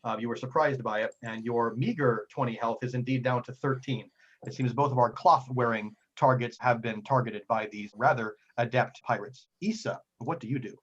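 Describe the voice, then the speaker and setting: A man narrating a tabletop role-playing game as game master, animated and excitable, with frequent ums and uhs. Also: mid-range voice, normal speed, slightly rough, lo-fi sound.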